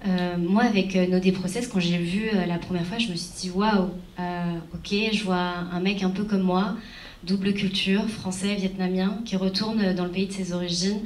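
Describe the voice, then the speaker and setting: A woman's voice: on the low side, fairly even intonation, normal speed, darkish tone. A woman moderating a live panel, speaking hesitantly with many fillers. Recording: roomy hall from a distant mic.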